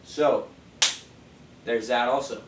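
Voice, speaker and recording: The background is noisy and the room echoey, with the mic set far away, as a man gives a casual review of party speakers. His medium voice is slow and fairly even in intonation, slightly nasal and sniffly from a cold, and he rambles with plenty of fillers.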